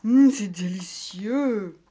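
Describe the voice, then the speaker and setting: A woman voicing a big, hungry male ogre in a read-aloud storybook, with growling, booming outbursts. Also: very slow, dark tone, slightly rough. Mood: delighted.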